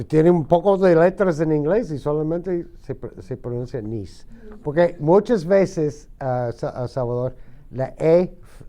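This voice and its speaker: A middle-aged ESL teacher runs an English vocabulary lesson for a class, going slowly and patiently and repeating words so the students can echo them. His voice is fairly high and mellow.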